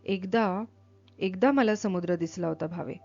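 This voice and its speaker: A woman voicing a restless, drifting young man who recalls things quietly and haltingly in a read-aloud story. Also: lowish voice. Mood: wistful. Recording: dull lo-fi with faint music.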